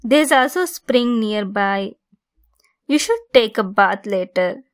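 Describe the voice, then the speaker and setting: A woman performs a scripted ASMR roleplay as a possessive female centaur, speaking intimately and with gentle teasing. Her medium-pitched voice is expressive and slow.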